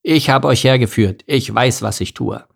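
A man's voice: lowish voice, moderate pace, vocal fry, slightly rough. Man doing a haughty bossy camel. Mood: snapping. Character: arrogant proud male camel, caravan leader.

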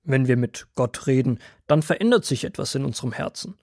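A man voicing a kindly old grandfather woodworm in a children's audio drama, gentle, patient and fatherly. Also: mid-range voice, animated, fairly quick, no room sound, clean studio sound.

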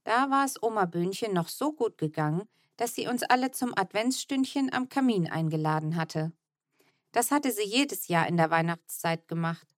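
A woman's voice: mid-range voice, expressive, normal speed, no room sound, clean studio sound. A woman narrating a children's book in the first person, telling the story evenly and tenderly. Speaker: audiobook narrator.

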